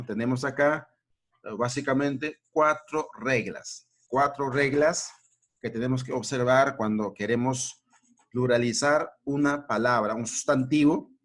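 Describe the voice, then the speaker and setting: A man teaching a grammar lesson to children, repeating each point and checking in with short questions. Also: medium pitch.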